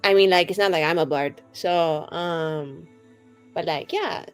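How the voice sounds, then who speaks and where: A woman plays a tabletop roleplaying game, improvising casually in a playful, rambling, joking way. Her voice is lowish, clear and resonant, with a measured pace, and music plays behind her.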